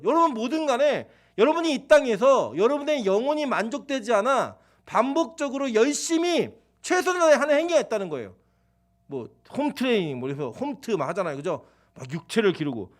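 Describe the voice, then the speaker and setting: A man preaching a sermon as pastor, in a conversational, animated way with playful asides and acted-out quotes. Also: very high voice.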